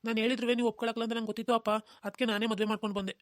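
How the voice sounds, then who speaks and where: A woman voicing a gentle, pleading young son who calms his angry mother in a cartoon. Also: a little high, rapid-fire, no echo, clean studio sound, natural voice. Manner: soothing, pleading. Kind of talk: cartoon voice acting.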